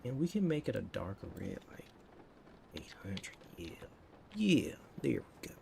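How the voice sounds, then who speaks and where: Creaky and on the low side, his measured voice drifts through half-finished, muttered thoughts as he codes live. He's a man in his thirties chatting casually with viewers, and steady noise hums in the background.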